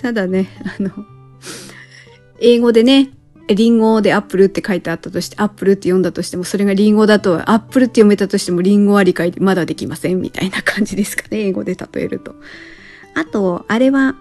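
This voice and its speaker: A woman hosting a solo podcast, talking casually and thinking aloud with frequent pauses. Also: medium pitch, soft background music. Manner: relaxed and chatty, thinks aloud with many pauses. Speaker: podcast host.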